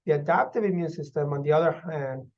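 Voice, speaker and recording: A man's voice: fairly high pitch, fast talker. Man explaining with frequent fillers. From Guatemala. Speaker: physician researcher. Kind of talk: interview answers. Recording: dull lo-fi audio.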